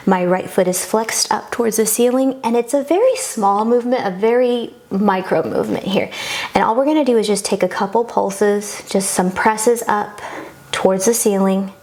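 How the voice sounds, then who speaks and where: A woman's voice: mid-range voice, creaky, darkish tone. A woman yoga instructor guiding a class through poses in an encouraging, reassuring and informal way.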